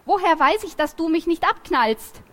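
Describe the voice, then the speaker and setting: A woman reading aloud from a storybook, voicing a defiant, quick-tongued teenage girl. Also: high voice, lively intonation.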